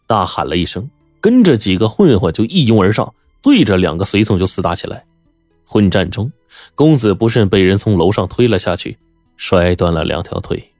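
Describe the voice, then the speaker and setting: A man narrating a folk tale as a storyteller, in a lively, colloquial manner. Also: lowish voice, no echo, studio quality. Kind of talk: scripted narration.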